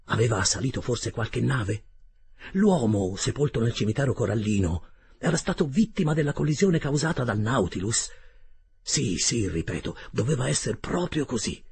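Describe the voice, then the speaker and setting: A man narrating an audiobook with a measured, dramatic reading and a gravelly, husky voice. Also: on the low side.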